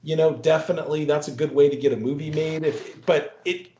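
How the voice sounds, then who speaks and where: A man's voice: fairly high pitch, steady tone, fairly quick, warm tone, a little hiss or hum. A man hosting a podcast in casual movie talk, rambling and restarting, often laughing. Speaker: podcast host. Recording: roomy, dull recording.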